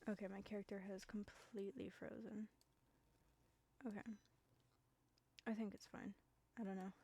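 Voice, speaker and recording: Halting, subdued woman streamer. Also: mid-range voice, level tone, warm tone, a little hiss or hum. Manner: halting, with many fillers and apologies. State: hiccuping. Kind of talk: casual live-stream talk.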